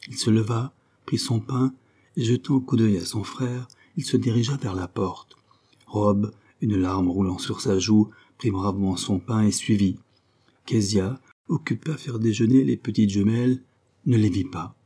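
A man reading a classic story aloud in a measured, even narration. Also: fairly low pitch, slightly rough. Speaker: audiobook reader.

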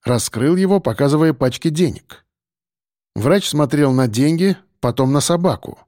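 A man narrating a story in a steady, measured audiobook manner. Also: fairly high pitch, dry recording, studio quality.

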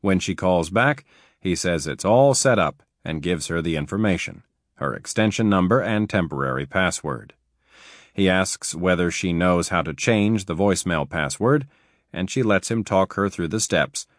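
Deep-voiced, expressive male audiobook narrator. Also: normal speed, no room sound, clean studio sound. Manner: expressive, emphatic storytelling.

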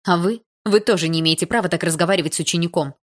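A woman voicing a principled female class teacher who pleads earnestly for calm. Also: on the low side, fast talker, close to an everyday voice.

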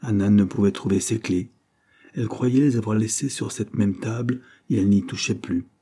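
A man narrating a classic novel as an audiobook in a steady, even reading style. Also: on the low side, normal speed, slightly rough.

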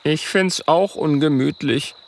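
A man's voice: fairly high pitch, unhurried, pitched above the performer's own voice. A man voicing a grumbling young male dragon in a storybook reading.

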